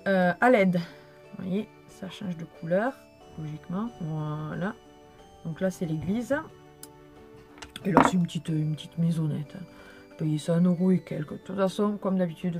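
Chatty young woman showing off her shopping, lots of euhs, soft mellow voice. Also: lowish voice, normal speed, long pauses, faint music behind. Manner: chatty, many fillers and restarts. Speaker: vlogger showing shopping haul. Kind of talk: casual haul vlog.

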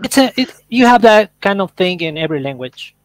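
A man's voice: sits high, very animated, moderate pace, low-quality recording. A man teaching an online English workshop, explaining step by step and checking in with his students often.

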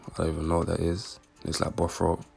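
A young man, giving unimpressed, deadpan casual commentary in slang. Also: sits low, quick pace, creaky, breathy edge.

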